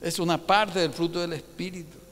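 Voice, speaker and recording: A man preaching a Sunday sermon as pastor, animated and keeps putting rhetorical questions to his congregation. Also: a little high, moderate pace, big-room sound. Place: church hall.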